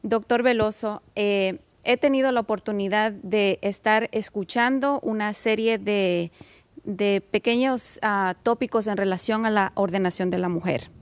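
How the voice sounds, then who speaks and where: A woman's voice: medium pitch, measured pace, smooth, no room sound. A woman hosting a church television interview program, formal and polite, with some hesitant fillers. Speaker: TV program host.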